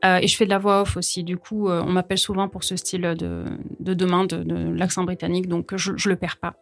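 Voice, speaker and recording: A woman in her thirties from France, an actress chatting as an interview guest, hesitant with many fillers and quick to laugh. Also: fairly low pitch, level tone, gravelly. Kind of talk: casual conversational interview.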